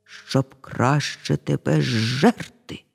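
A woman voicing a sly male wolf posing as a grandmother in a fairy tale, speaking low and hushed. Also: very slow, vocal fry, breathy edge, long reverb tail, exaggerated voice.

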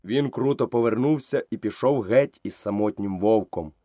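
A man's voice: fairly low pitch, normal speed, no room sound. Man reading a storybook aloud, dry sound. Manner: even, storytelling. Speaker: narrator. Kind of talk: storybook narration.

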